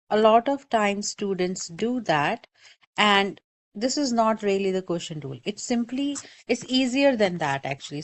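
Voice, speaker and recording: A woman math teacher giving a recorded calculus lecture, explaining step by step and often checking in with "okay?". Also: medium pitch. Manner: patient, repeats warnings, checks in with "okay?".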